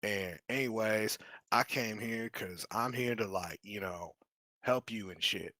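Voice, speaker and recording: A man's voice: on the low side, measured pace, bright, forceful tone, no echo. A man voicing a brash young male goblin sorcerer who talks in swaggering, profane street slang during a tabletop game. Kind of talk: tabletop role-play in character.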